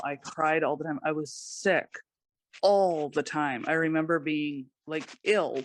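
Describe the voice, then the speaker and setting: A woman guest on a podcast, giving personal testimony in a halting way, with many pauses and restarts. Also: deep voice, a little hiss or hum.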